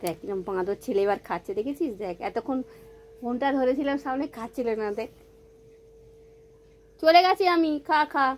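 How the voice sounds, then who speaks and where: A woman's voice: a little high, fast talker, darkish tone. A woman filming her pet cat at home, coaxing it to eat in cooing baby talk. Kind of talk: casual home video.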